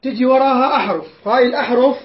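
A man with an extremely high-pitched voice speaks quickly while teaching tajweed, the rules of Quran recitation, using call-and-response drills. He patiently repeats and quizzes his students. The recording is roomy, dull, and lo-fi.

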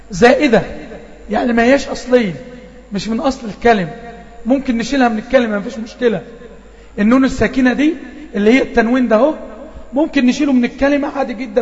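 A man with an Egyptian accent teaching Quran recitation rules, patiently repeating points and quizzing his students. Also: very high voice. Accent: Egyptian Arabic. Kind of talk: online tajweed lesson. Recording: dull lo-fi audio with reverb.

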